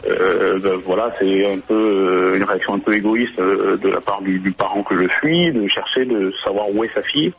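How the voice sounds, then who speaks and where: Hesitant, low-voiced man, dull lo-fi line. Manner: hesitant, halting, stumbling with repeated words. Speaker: eyewitness parent interviewed on radio. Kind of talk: spontaneous eyewitness account. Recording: dull lo-fi radio phone call, faint noise.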